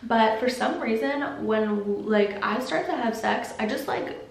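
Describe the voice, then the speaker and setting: A woman's voice: a little high, a little slow, a little hiss or hum. A young adult woman answering viewer questions in a casual vlog, candid and chatty, filling her talk with "like". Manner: candid, chatty, heavy use of "like". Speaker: vlogger. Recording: roomy echo.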